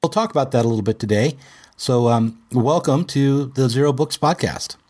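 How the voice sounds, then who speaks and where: Measured podcast host, man. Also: mid-range voice, a little mellow. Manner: measured, scripted intro then loose, halting chat. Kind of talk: podcast intro and interview. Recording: faint music under the intro.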